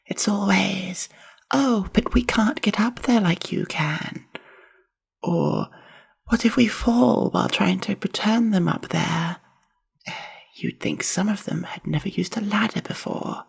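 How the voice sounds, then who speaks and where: A woman voices a grumbling spider-woman librarian, reclusive and awkward, in a whispery, husky ASMR roleplay. The delivery is hesitant and dryly deadpan but heavily acted, with a mid-range voice and a slow pace.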